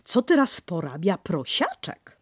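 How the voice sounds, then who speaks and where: A woman voicing a motherly female kangaroo who talks slowly, doting but firm, in a storybook reading. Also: lowish voice, wildly swooping pitch, slightly rough, no echo, clean studio sound, exaggerated voice. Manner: slow, doting, bossy.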